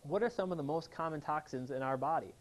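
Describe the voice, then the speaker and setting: A fast-talking man with a slightly high voice runs an enthusiastic health seminar as a chiropractor. He speaks to a live audience in the room and asks them questions as he goes.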